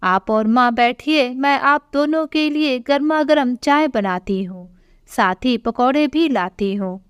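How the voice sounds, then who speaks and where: A woman's voice: high-pitched, unhurried, clear, resonant tone, no room sound, studio quality. A woman voicing a spiteful, scheming young daughter-in-law who taunts her mother-in-law in a spoken story. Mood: sugary. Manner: sharp, taunting.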